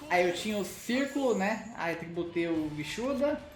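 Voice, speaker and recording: A gaming channel host who speaks Brazilian Portuguese gives casual card game commentary, informally, often checking in with short tag questions. The voice is mid-range with lively intonation at a moderate pace. The recording has a roomy echo with faint background music.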